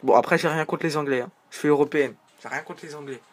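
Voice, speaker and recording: A man's voice: fairly high pitch, fast talker. Chatty young-sounding man. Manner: chatty, joking, rambling asides. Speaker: video game commentator. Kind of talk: casual gameplay commentary.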